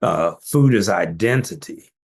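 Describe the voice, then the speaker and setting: An older male physician telling stories in a relaxed interview, laughing often as he talks. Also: low voice, a little slow, gravelly, breathy edge. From Jamaican family, trained in Atlanta. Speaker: physician guest. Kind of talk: casual interview talk.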